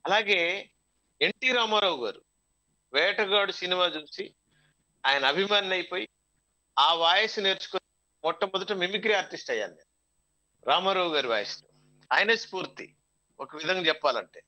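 A man with a high, bright voice who works as a mimicry artist, speaking as a guest on a radio show. He chats in a storytelling way, and his voice sounds dull, as if it is coming over a phone line. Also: animated, normal speed, long pauses. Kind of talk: casual interview chat.

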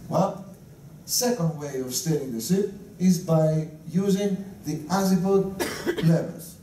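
A man's voice: fairly high pitch, mellow, slight background noise. A middle-aged man with a Greek accent, a ship captain giving a joking talk to guests on the bridge and chuckling at his own punchlines. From Greece. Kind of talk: humorous guided talk to guests. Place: ship's bridge, indoors. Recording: echoey room, from far off.

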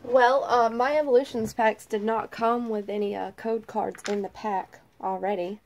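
A card-opening channel host with a nasal voice, still getting over a cold, chats casually while opening trading card packs. Her pitch is fairly high, her intonation fairly even, and her pace moderate as she reads off each card one by one with light laughs.

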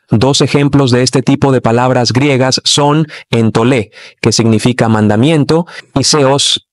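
A man reads out a scripted language lesson, listing terms and examples in an even, deliberate way. His pitch is average and the recording is dry, with no room sound. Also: dry recording. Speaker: narrator.

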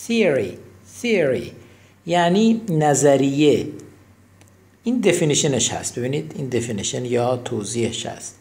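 A man teaching a vocabulary lesson who repeats words slowly for pronunciation and asks his students rhetorical questions. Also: on the high side, a little mellow, roomy sound. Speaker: English teacher.

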